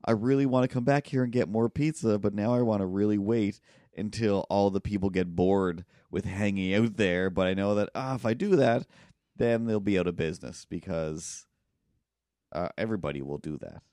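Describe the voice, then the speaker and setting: A man, co-hosting a podcast, telling a long rambling story in casual chat and acting out people yelling in loud bursts. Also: on the low side, normal speed, no room sound, studio quality. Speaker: podcast co-host.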